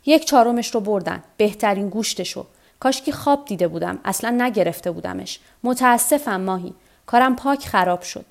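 A woman's voice: medium pitch, animated, vocal fry. A woman reading the part of a weary, stubborn old fisherman who talks to himself. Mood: rueful. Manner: talks to himself, tired and rueful.

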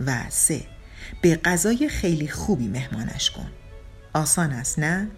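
A woman's voice: sits low, lively intonation, faint music behind. A woman voicing a blunt middle-aged woman. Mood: frank dry. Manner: frank, dry, matter-of-fact. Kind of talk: audiobook character reading.

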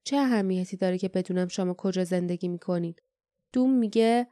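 A woman reading the part of a calm, serious young man in an audiobook, speaking slowly and earnestly. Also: lowish voice, no echo, clean studio sound, lightly acted.

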